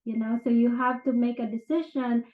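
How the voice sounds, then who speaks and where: At a moderate pace and with a steady tone, a high-leaning female voice with a Filipino accent explains personal change to camera. She is a self-improvement teacher from the Philippines, conversational and full of fillers, regularly asking "right?". Tinny, phone-like audio bounces around an echoey room.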